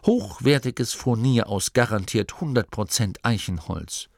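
A haughty little nome who intones advertising slogans as if they were scripture, as a male narrator puts him on. His pitch swoops around a lot as he speaks. It is read dry and close. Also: animated, creaky, a little mellow, dry recording. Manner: lofty, slow, declaiming like an advert. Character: pompous small male nome reciting shop signs.

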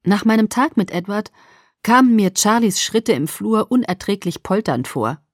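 A woman narrating a novel in the first person, measured and clear. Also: mid-range voice, animated, no echo, clean studio sound. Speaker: audiobook narrator. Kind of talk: scripted narration.

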